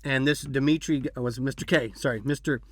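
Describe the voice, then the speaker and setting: A man's voice: mid-range voice, fairly even intonation, a little fast, no room sound, studio quality. Casual rambling podcast host man. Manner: rambling, with fillers and restarts. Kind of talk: casual chat.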